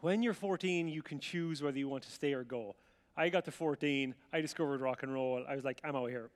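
This middle-aged Irishman from the rural midlands tells a live audience his life story, full of chatty, self-mocking humour and acted-out dialogue. He speaks a little high and a little fast, and the hall around him is reverberant.

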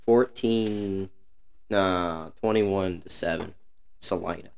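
A man's voice: sits low, slow pace, creaky. A goofy, easily distracted young man giving score picks in a casual chat.

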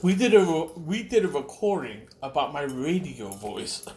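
A man's voice: on the high side, sing-song, a little mellow, slight background noise. Rambling man in a casual chat. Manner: rambling and profane, with frequent pauses.

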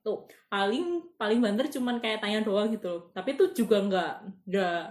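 A woman, talking casually on a podcast with many pauses and fillers. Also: mid-range voice. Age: 20s. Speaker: podcast co-host. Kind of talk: casual chat. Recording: echoey room.

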